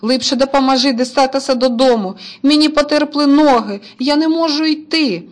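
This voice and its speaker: A woman's voice: high voice, fairly quick, voice pushed up, natural voice. A woman voicing a small lost schoolboy in a storybook reading, pleading and whimpering. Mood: eager. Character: small lost schoolboy, whiny, know-it-all.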